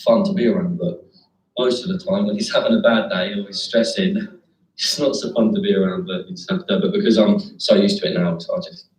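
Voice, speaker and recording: A young man talking in a documentary interview, soft-spoken and hesitant, with a resigned tone. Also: on the low side, a little fast, echoey room, far from the mic, rough recording.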